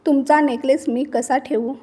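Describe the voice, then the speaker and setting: A woman reading the lines of a gentle, patient young daughter-in-law in a story. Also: high-pitched, steady tone, moderate pace, natural voice. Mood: reassuring.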